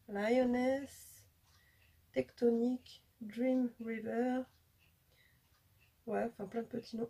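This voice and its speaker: A woman's voice: a little high, dark tone, slightly rough. A woman chatting casually as a beauty vlogger showing off her haul, hesitating often with fillers. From France.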